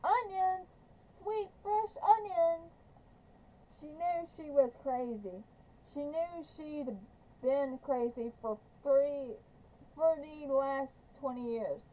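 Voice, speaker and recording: A woman reading a novel aloud, halting and often stumbling and correcting herself. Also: high-pitched, mellow, low-quality recording. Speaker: audiobook reader.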